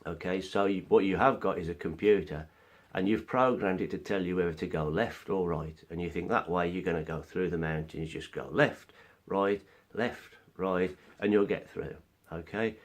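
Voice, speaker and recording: Deep-voiced and speaking at normal speed, this man delivers an earnest, explanatory vlog monologue full of opinions. He leans on analogies to make his case, and his cold shows in occasional coughs.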